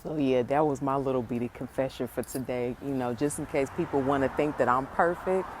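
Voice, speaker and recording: A woman vlogger telling viewers a funny confession in a casual, animated way, laughing through her story and calling them y'all. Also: very deep voice, a little fast, background noise.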